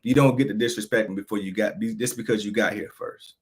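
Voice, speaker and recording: This vlogger, a man in his thirties, talks fast in a lowish, steady voice. His unscripted personal monologue is frank and aggrieved, with frequent restarts and repeated phrases.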